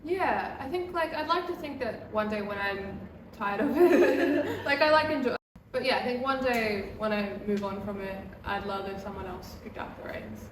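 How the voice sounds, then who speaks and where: Answering interview questions casually, this comedian and comedy night producer from Australia, in her 20s, stays relaxed and chatty with plenty of "um" and "like." Her fairly high voice moves at a moderate pace with few pauses, recorded from a distance in a noisy, echoey room.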